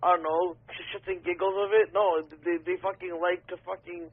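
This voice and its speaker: A man's voice: sits high, little pitch movement, a little fast, breathy edge. A man talking casually as a podcast guest, rambling and swearing a lot. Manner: profane, rambling conspiracy talk. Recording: tinny phone line.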